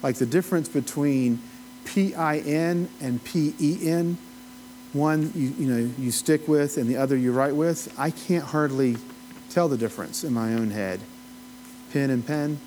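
Man, Appalachian accent, folksy conversational Bible teacher, slightly high voice, noisy recording with a hum. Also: a little slow, a little mellow. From Appalachia, United States. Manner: folksy, rambling asides, asks the listeners questions. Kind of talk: informal teaching, conversational lecture.

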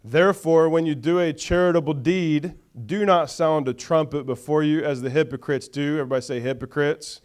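Man, pastor preaching, call-and-response, conversational asides, smooth clear voice. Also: fairly high pitch, a little fast, hardly any pauses, a little mellow. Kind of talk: sermon.

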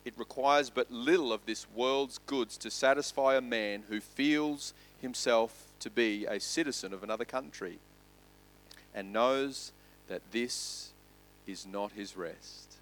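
A man pastor preaching a sermon, building loud and quick through lists and then dropping to soft, slow emphasis. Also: medium pitch.

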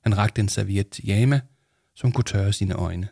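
A man reading a children's storybook aloud in an even, measured way. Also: on the low side, gravelly, no echo, clean studio sound.

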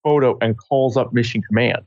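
A man co-hosting a casual film discussion, rambling with halting restarts, on a dull lo-fi recording. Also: mid-range voice, steady tone, a little mellow, no echo.

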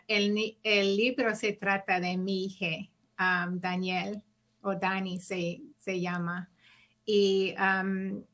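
A woman from the United States, an author and activist, answering interview questions gently and searching for words. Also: mid-range voice. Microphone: video call.

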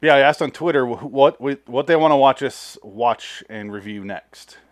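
Young male podcast host, relaxed rambling chat, mid pitch, dry close sound. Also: normal speed, no room sound. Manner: loose, swearing, frequent restarts. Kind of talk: casual chat.

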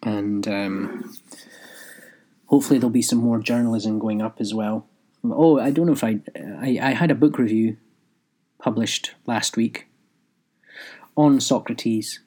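Guy rambling thru his podcast, husky kinda voice, thinks out loud. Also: fairly low pitch, fairly even intonation, unhurried, long pauses. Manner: rambling, thinking aloud, with restarts; reads aloud from his own written review. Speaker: podcast host. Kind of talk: solo podcast monologue.

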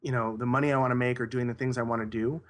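A man's voice: medium pitch, little pitch movement, very fast. A man talking casually as an interview guest, rambling and correcting himself as he goes. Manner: rambling, self-correcting, with frequent restarts.

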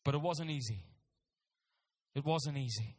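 This time the middle-aged Auckland man speaks a little slowly in a mid-range voice while preaching in a reverberant hall. With his New Zealand accent, he tells personal stories, repeats phrases for emphasis, and adds informal asides.

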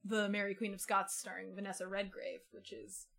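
A woman's voice: medium pitch, level tone, moderate pace, creaky, a bit bright, slightly rough. Earnest woman hosting a podcast. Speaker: podcast host. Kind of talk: conversational history podcast with sign-off to listeners.

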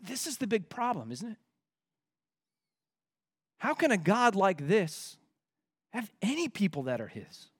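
Male pastor, sermon delivery, high-pitched, emphatic, slows on scripture, close and dry. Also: sing-song, breathy edge, no echo. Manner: emphatic, slows down for quoted scripture, drops to a hush for weighty points.

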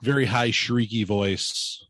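A man's voice: on the low side, takes it slowly, fairly bright tone, no room sound. A man chatting casually on a podcast, rambling and joking crudely.

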